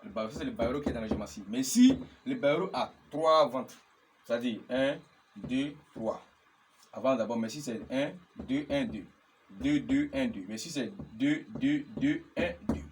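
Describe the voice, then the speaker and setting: A man's voice: medium pitch, normal speed, a little mellow. Guy teaching geomancy, chants the same lines over and over, keeps asking "you get it?", bit of hiss behind. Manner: repetitive, chants formulas over and over; often checks understanding with questions. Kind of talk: instructional talk.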